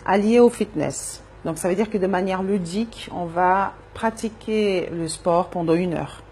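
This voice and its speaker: A woman's voice: on the low side, measured pace, a little mellow, a little hiss or hum. A woman from Brazil, a native Portuguese speaker, interviewed on radio as a Zumba and wellness coach, talking thoughtfully and repeating words as she searches for them.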